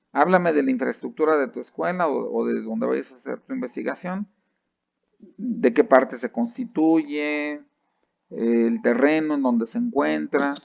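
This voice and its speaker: A man's voice: mid-range voice, creaky, dry recording. A man with a Mexican accent giving a conversational lecture on thesis methodology, full of fillers and restarts, often checking in with rhetorical questions. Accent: Mexican Spanish. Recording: dry, dull lo-fi recording.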